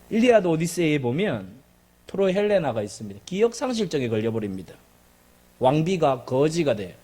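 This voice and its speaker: A man's voice: fairly high pitch, normal speed, long pauses. A male pastor preaching a sermon, emphatic and joking, repeating key phrases. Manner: animated and emphatic, with jokes and repetition.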